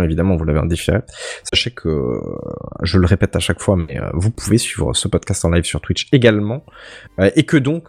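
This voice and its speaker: A man chats on his podcast. His voice swings widely up and down as he jokes and tells a story. He sounds lively and animated. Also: sits low. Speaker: podcast host. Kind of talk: casual chat podcast.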